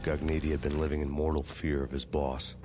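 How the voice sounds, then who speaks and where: An actor playing a grim, world-weary cop in a crime game, narrating in a deadpan, hard-boiled noir style. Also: male voice, a bass voice, fairly quick, music in the background.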